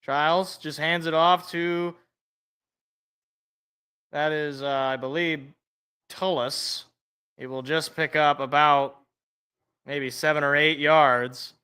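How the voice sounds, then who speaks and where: A man gives casual live play-by-play football commentary, reacting as it unfolds and shifting between excited calls and muttered asides. His smooth voice is a little high, and he speaks slowly with long pauses.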